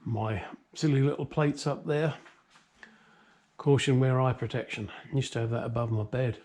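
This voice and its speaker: A middle-aged man with a British accent talks to camera from his home workshop, hosting a vlog about classic cars. His mid-range voice is darkish, with fairly even intonation and a normal speed, and his rambling chat is casual, blunt, jokey and self-deprecating.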